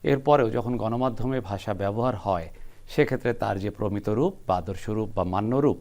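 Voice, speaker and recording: Man hosting a tv talk, lowish voice, calm formal questions. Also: brisk. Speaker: host. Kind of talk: formal studio discussion.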